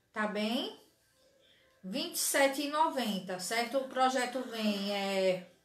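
A high, slightly bright female voice sounds roomy in this clip. The speaker is a woman in her forties hosting a live sewing stream in a small indoor craft studio with shelves of dolls; she chats casually, greets viewers by name, and regularly checks in with "certo?"

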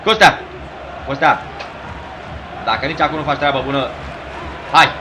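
Man doing rowdy, hoarse commentary on his own football game, shouting orders and jokes at his players. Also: mid-range voice, fairly even intonation, a crowd in the background, noisy background. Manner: yells at his players, rhymes and teases. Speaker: gameplay commentator.

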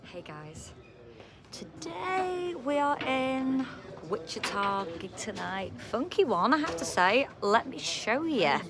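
A woman vlogs from the road in a chatty, upbeat way, talking straight to her viewers. Loud music plays behind her voice. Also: fairly high pitch, big pitch swings, slow pace. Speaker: touring musician vlogging. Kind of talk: casual vlog to camera.

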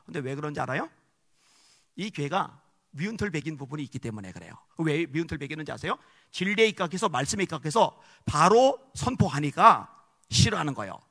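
A pastor preaching a sermon, moving between quiet storytelling and shouted exhortation. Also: male voice, on the high side, big pitch swings, fairly quick. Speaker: guest pastor. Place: church sanctuary. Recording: long church hall reverb.

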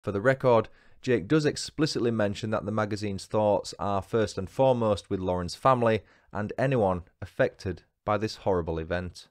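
A man's voice: lowish voice, moderate pace. A man with a Northern English accent hosting a true crime podcast, reading his script with dry, wry asides. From England. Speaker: podcast host.

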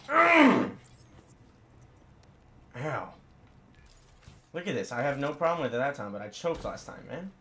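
A young man cursing his way through gameplay commentary, frustrated and bursting into loud yells. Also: mid-range voice, animated, moderate pace, pauses often, slight background noise. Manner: swearing, frustrated, bursts into yelling. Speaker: gamer.

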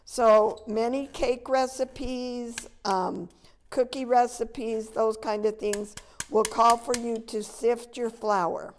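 Slow-spoken older woman teaching cooking. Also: on the high side, steady tone, a little hiss or hum. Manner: patient, step-by-step instructional. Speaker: extension educator. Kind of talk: cooking demonstration. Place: large indoor demo kitchen.

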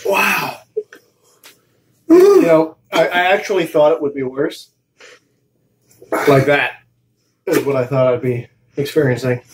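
A man's voice: medium pitch, normal speed, pauses often, slight background noise. A man co-hosting a casual video chat, talking in an upbeat, matter-of-fact way. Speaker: co-host.

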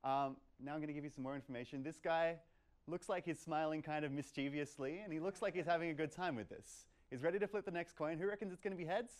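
In a medium-sized indoor lecture room, a young meetup presenter delivers a playful, conversational lecture full of "like" and "kind of," fielding questions from the audience. His voice is a little high and he talks fast.

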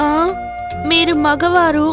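A woman's voice: very high-pitched, level tone, takes it slowly, over music. An actress playing a shy, anxious young woman in a dubbed film, talking hesitantly. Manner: hesitant, fearful. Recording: loud film score underneath.

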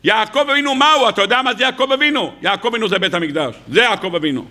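Male rabbi preaching, high and bright, teasing rhetorical style that slips into acted dialogue. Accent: Israeli Hebrew. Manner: rhetorical questions and playful mockery; animated, acts out quoted dialogue. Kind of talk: sermon.

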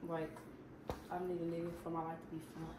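A woman's voice: sits low, monotone, fast talker. A woman guest in casual chat, answering in a laid-back, matter-of-fact way. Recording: echoey room with loud background noise.

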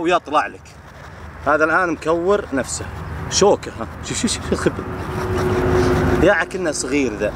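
A man's voice: on the high side, a bit bright, slight background noise. A man filming outdoors near a farm, chatting casually and teasing the animals he finds. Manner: playful, teasing, talks to the animal. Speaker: nature vlogger.

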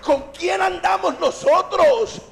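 A man's voice: very high-pitched, slow pace, gravelly, pitched above the performer's own voice, full character voice. A man voicing a group of frightened disciples in a sermon, asking in rising amazement who their companion really is. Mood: awestruck. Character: frightened disciples, grown men in awe.

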